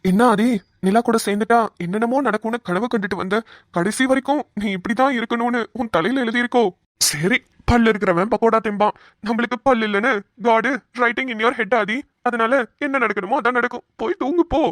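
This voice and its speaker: A woman's voice: fairly high pitch, a little fast, no echo, clean studio sound, lightly acted. Woman voicing a sulky sarcastic young husband. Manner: teasing, grumbling to himself. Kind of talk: amateur cartoon voice acting.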